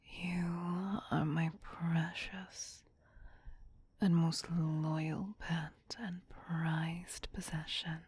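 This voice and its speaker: A woman voicing a possessive, tender vampire queen in a breathy, soothing, intimate whisper for an ASMR roleplay. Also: lowish voice, level tone, drawn-out words, darkish tone, heavily acted.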